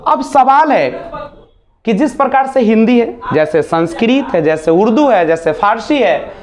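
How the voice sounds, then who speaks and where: A man's voice: sits high, big pitch swings, unhurried. A man teaching a basic spoken English class. He demonstrates sounds aloud, mixes English phrases into his speech and asks rhetorical questions. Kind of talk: classroom lesson.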